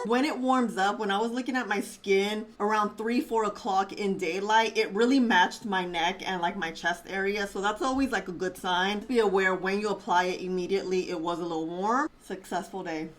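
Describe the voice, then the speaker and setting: Chatty woman beauty vlogger. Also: medium pitch. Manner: chatty and expressive, addresses viewers as family. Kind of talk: casual beauty vlog chat.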